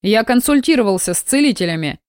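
A woman reading the lines of a lazy, mocking male mage mentor in an audiobook, in a drawling, unhurried way. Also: a little high, lively intonation, clear, resonant tone, dry recording, clean studio sound, lightly acted. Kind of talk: audiobook character voice.

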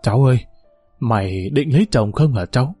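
A man's voice: medium pitch, expressive, fairly quick, dark tone, breathy edge, no echo. A man voicing an earnest, fretful old village grandmother in a story reading, with faint music behind. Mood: worried.

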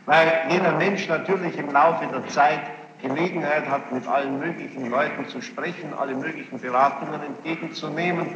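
Questioning a witness from the bench, a man with a slightly high voice speaks as a stern, insistent presiding judge, formal, wordy and halting. The old courtroom tape is muffled, noisy and echoey, with the big room's reverb and audible hiss.

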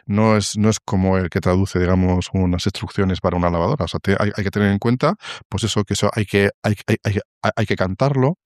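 Hesitant low-voiced man, very dry sound. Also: steady tone, brisk, a little mellow, no echo. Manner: hesitant, many restarts and fillers. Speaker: guest, song translation author. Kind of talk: interview conversation.

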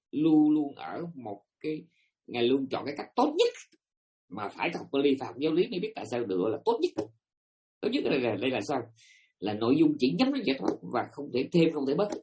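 A man teaching Buddhism to a gathered audience in a dharma talk. His pitch rises and falls in a very animated way at an average level. He speaks emphatically, often turning to his listeners with questions.

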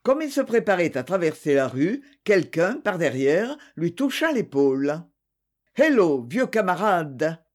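Expressive male audiobook narrator. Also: a little high, normal speed, hardly any pauses.

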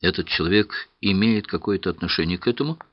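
A man voicing a puzzled, earnest young man who speaks haltingly in an audiobook. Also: sits low, no echo, highs cut off. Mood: troubled.

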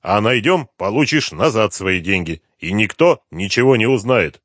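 A man reading an audiobook, voicing a brutal, gruff male police inspector who talks harshly and with threats. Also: fairly low pitch, expressive, moderate pace, fairly bright tone, no room sound, clean studio sound. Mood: threatening.

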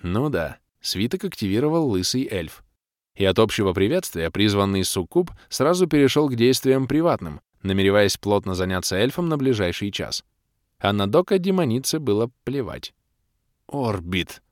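A man tells a fantasy story in the first person with a wry, ironic edge. His voice is fairly low, and his pitch swings widely as he narrates. The sound is dry and close, with no room echo. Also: very animated, normal speed. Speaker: audiobook narrator. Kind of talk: expressive fantasy audiobook narration.

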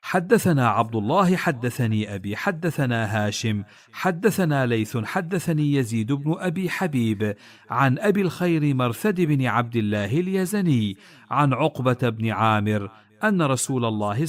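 A man reading religious narrations aloud in a formal, measured, solemn recitation. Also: mid-range voice, very animated. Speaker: reader of hadith texts.

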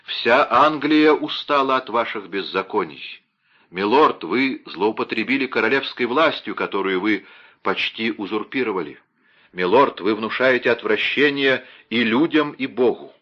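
A man's voice: fairly low pitch, lively intonation, measured pace, highs cut off. A man reading an audiobook voices a zealous young officer who solemnly accuses and threatens a duke. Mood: stern, accusing. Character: fanatical young male officer, stern and zealous.

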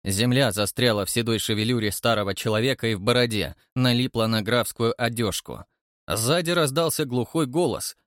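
A man narrating an audiobook with expressive storytelling. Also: medium pitch, normal speed, dry recording, clean studio sound.

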